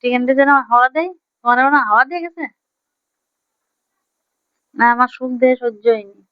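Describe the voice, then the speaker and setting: A woman with a high, smooth, clear voice chats casually at home, teasing and playfully scolding. The sound is dry and a little dull, like a lo-fi home recording. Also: a little fast, no room sound. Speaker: vlogger. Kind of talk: casual chat with her husband.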